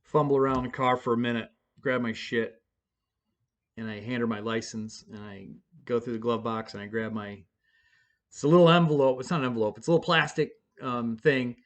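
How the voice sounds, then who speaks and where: A man's voice: medium pitch, brisk, muffled recording. A middle-aged man casually telling a profane, self-mocking story, rambling with fillers and restarts. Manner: fillers and restarts, bursts of excited shouting.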